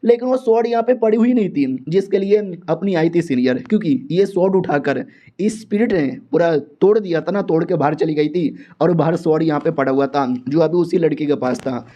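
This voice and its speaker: A man's voice: a little high, expressive, a little fast, mellow. A man narrating a manga story recap in a chatty, slangy way, talking to listeners like friends. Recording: dull lo-fi audio.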